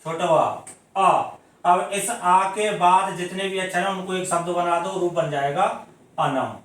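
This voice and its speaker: High-voiced teacher in a very echoey room. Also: male voice, steady tone, fairly bright tone, distant mic. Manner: explains step by step, asking questions and answering them; drawn-out syllable-by-syllable pronunciation of example words. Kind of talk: Hindi grammar lesson. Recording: very echoey room, voice from away from the mic.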